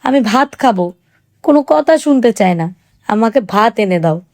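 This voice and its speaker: A woman's voice: on the high side, expressive, moderate pace, darkish tone. A woman voicing a sick, half-deaf young husband who petulantly keeps repeating his demands.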